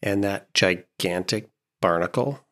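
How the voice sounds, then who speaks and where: A man in a casual family chat, prompting his child with gentle, playful questions about shared memories. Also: sits low, measured pace. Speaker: parent talking with his child.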